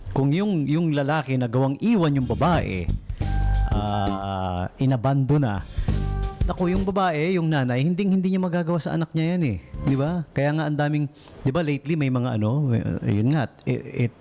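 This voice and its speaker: A man's voice: medium pitch, dark tone. A man hosting a late-night radio show, chatting casually and joking, mixing English into Tagalog and playfully mimicking cat calls. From Philippines. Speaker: radio DJ host. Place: radio studio. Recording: radio broadcast with music behind.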